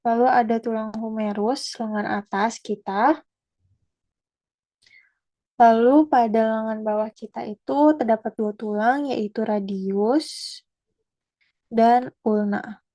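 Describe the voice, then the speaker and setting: A young woman student walks through an anatomy lesson, pausing often and correcting herself mid-word. Her voice sits fairly high but sounds mellow and soft-edged. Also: steady tone. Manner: halting, with fillers and self-corrections. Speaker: student presenter. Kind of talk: anatomy presentation.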